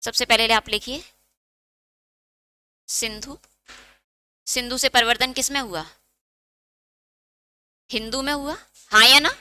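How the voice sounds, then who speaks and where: A woman's voice: fairly high pitch, takes it slowly, pauses often, sharp tone, smooth. A woman teaching a Hindi exam-prep lecture, asking questions and answering them herself, and dictating note points.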